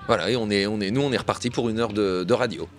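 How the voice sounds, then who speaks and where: A man's voice: lowish voice, fast talker. A man hosting a live community radio show outdoors at a neighbourhood fête, chatty and rambling, with lots of fillers. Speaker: radio host. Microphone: radio studio mic set up outdoors.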